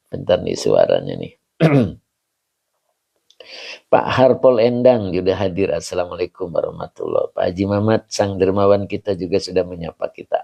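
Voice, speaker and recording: A man, an Islamic teacher greeting online viewers by name in a chatty way, often chuckling and clearing his throat. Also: deep voice, dark tone, highs cut off. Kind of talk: greeting viewers of an online religious study session.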